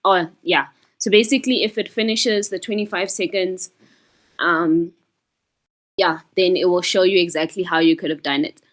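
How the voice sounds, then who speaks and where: A woman's voice: fairly low pitch, steady tone, normal speed. A woman game developer explaining her puzzle game in a casual chat, patiently, with many ums.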